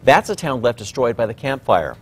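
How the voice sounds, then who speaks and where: A man's voice: medium pitch, sing-song, brisk, slight background noise. A man anchoring television news, reading scripted stories.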